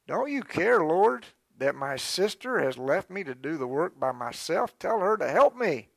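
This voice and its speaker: A man's voice: on the high side, very animated, unhurried, creaky, no echo, voice pushed up, heavily acted. A man voicing an exasperated woman who pleads that she is left to do all the work. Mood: pleading.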